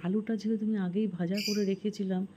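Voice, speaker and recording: A middle-aged woman hosting a home cooking vlog, talking quietly in her kitchen early in the morning while filming on a phone held in one hand. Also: mid-range voice, flat delivery, fairly quick, background noise. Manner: speaks softly so as not to wake the house. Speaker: cooking vlogger. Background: birds chirping outside.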